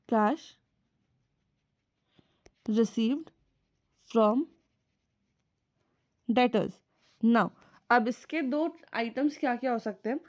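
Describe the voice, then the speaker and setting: A woman teaching an online accounting class, her voice sitting a little on the high side. She walks through each point step by step and keeps checking with her students whether it is clear, slipping English terms into her explanations. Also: a little mellow. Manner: mixes English terms into Hindi speech. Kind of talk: recorded online lecture.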